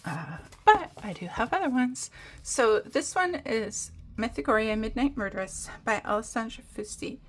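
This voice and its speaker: A woman's voice: on the high side, animated, normal speed. A woman casually chatting on a hobby vlog, rambling through her plans with lots of fillers and restarts. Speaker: coloring hobby vlogger. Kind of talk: casual show-and-tell chat.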